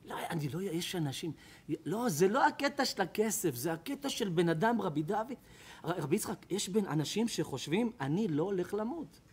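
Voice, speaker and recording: A man's voice: high-pitched, animated, husky. A man, a rabbi, giving a Torah lecture to an audience, telling stories emphatically and addressing listeners by name.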